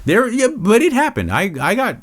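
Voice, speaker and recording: A man's voice: sits high, huge pitch swings, normal speed, a bit bright. A middle-aged man from Los Angeles, hosting a casual Q&A show, rambling and swearing freely. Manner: rambling, profane, lots of restarts. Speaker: podcast host. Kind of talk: casual Q&A monologue.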